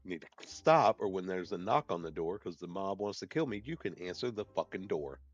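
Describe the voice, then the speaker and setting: A man plays a courtroom game on stream, loud and joking and quick to swear. He delivers his verdicts in a mock-judge voice. The audio is dull and lo-fi, with faint music in the background. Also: low-pitched, expressive. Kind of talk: casual gaming commentary.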